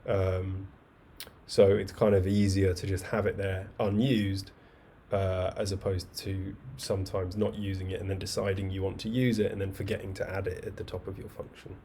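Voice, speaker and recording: A man teaching a live online coding class, explaining step by step in a relaxed, chatty way with asides and fillers. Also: sits low, moderate pace. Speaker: coding bootcamp instructor. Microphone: webcam video call mic. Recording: faint background noise.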